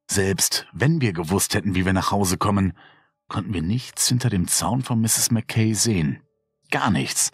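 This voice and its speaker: Husky, low-voiced male horror narrator. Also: no room sound. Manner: measured, dark storytelling. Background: faint music.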